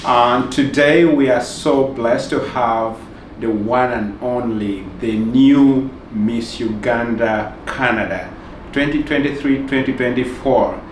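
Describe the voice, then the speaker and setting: A man's voice: medium pitch, slow, distant mic, a little hiss or hum. Effusive male interview host, roomy sound. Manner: many fillers and hesitations, effusive. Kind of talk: news channel interview. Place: studio set with roomy sound.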